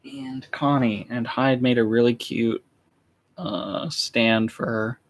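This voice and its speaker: A man's voice: mid-range voice, fairly even intonation, slow pace. A young man chatting casually while unboxing at home, laid-back and rambling with lots of fillers, keeping his voice down. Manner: keeps his voice down. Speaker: vlogger. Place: room at home with shelves.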